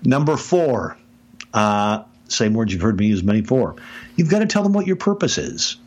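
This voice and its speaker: A fairly low-pitched male voice at normal speed, with the high frequencies cut off. He's a podcast host and business speaker giving emphatic, animated business advice conversationally, repeatedly saying "I mean."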